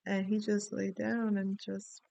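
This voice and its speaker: A middle-aged woman from the Dominican Republic chats her way through a rambling story during a reading. Her voice has a gravelly fry, yet it stays smooth and resonant. The sound is close and dry. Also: medium pitch, little pitch movement, unhurried, dark tone, no echo, poor audio. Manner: rambling, chatty storytelling with many asides. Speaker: astrology and tarot reader. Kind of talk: casual spoken reading.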